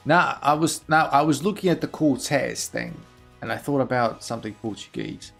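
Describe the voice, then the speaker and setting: Gravelly-voiced man chatting with viewers live. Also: mid-range voice, moderate pace, a bit bright, faint music behind. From Belarus. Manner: chatty, reads and answers chat aloud. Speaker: chess streamer. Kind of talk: casual live-stream chat.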